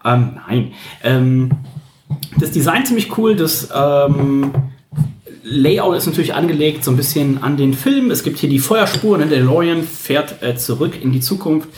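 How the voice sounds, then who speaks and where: A man's voice: on the high side, lively intonation, normal speed, a little mellow. A man hosting a casual beer-rating podcast, chatty and joking, laughing often. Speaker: podcast host rating beers. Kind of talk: casual chat. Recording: echoey room, faint noise.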